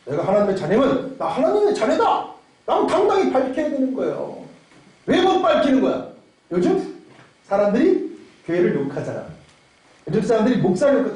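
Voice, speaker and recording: A man's voice: fairly high pitch, a little mellow. A man preaching a sermon as pastor, emphatic, firing off rhetorical questions and repeating his phrases. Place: church sanctuary. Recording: very echoey church hall, from far off.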